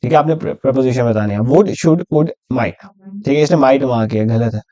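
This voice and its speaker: A man's voice: medium pitch, normal speed, dark tone, no echo, muffled recording. A man teaching an exam revision lecture, chatty and motivational, mixing Hindi and English.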